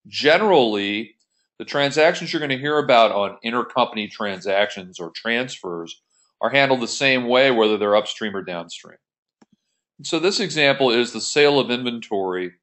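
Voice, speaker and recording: At a moderate pace, this man teaches accounting through an explanatory screen-share tutorial. He has a medium-pitched, fairly bright voice with lively intonation, and his delivery is methodical but informal.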